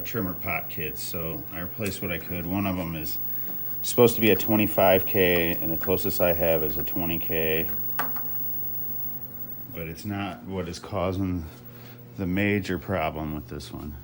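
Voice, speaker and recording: A man giving a casual hands-on repair walkthrough as host, halting and thinking aloud as he works. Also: low-pitched. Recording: noisy fan hum over the voice. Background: whirring fan noise.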